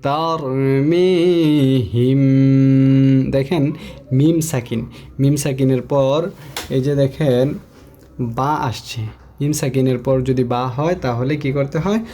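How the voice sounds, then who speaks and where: A man teaching Quran recitation, slowly spelling out and chanting Arabic syllables between quicker spoken explanations. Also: mid-range voice, warm tone.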